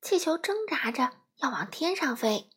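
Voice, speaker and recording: A mother reading a storybook aloud to children in a gentle, storytelling manner. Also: sits high, big pitch swings, a little slow.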